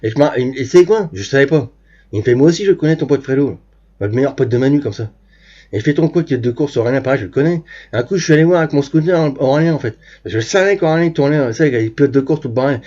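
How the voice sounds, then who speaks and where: A man's voice: medium pitch, animated, fast, warm tone. A man telling a long rambling anecdote to his viewers, full of crude slang, asides and restarts, on a dull lo-fi recording. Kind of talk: rambling anecdote told to camera.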